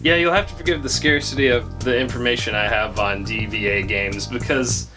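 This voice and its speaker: A man's voice: medium pitch, fairly even intonation, fairly quick, over music. A man narrating a video game review with joking asides and playful commentary.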